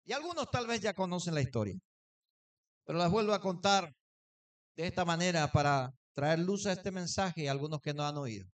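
High-voiced preacher telling his story. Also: expressive, brisk. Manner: storytelling preacher, acts out dialogue. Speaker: pastor. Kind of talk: sermon.

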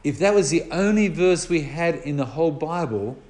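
Earnest man preaching a slow sermon. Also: a little high, lively intonation, a little mellow. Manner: earnest, slow and emphatic, drawing out key words.

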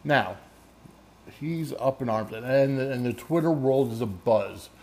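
A man's voice: mid-range voice, unhurried, a little mellow. A man giving casual solo sports commentary as a podcast host, conversational and emphatic, often checking in with listeners.

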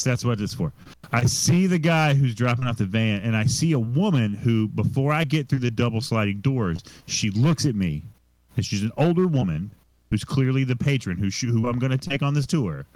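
Young male co-host, casual storyteller, mid pitch, dry recording. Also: darkish tone, no echo, rough recording. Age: young adult. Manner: rambling, self-deprecating storyteller with restarts. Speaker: podcast co-host.

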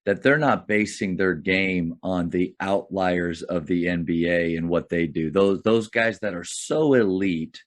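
A man's voice: low-pitched, a little slow, few pauses. A man hosting a casual podcast chat, agreeable and backing his guest with short replies.

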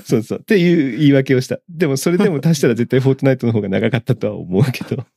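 A man hosting a casual chat, lively and excitable, laughing often. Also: medium pitch, quick pace, gravelly, no room sound, studio quality. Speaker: podcast host.

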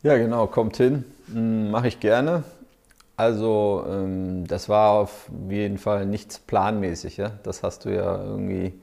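A man, a podcast guest telling stories in a relaxed way with many fillers. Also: lowish voice, unhurried, vocal fry. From Berlin, Germany. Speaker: podcast guest, startup founder. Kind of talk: casual interview storytelling.

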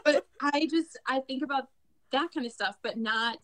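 A woman choir teacher in casual chat, telling quick stories and acting out what others say. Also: sits high, fairly bright tone. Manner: quick storytelling, acts out quotes, laughs often. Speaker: choir teacher, podcast co-host.

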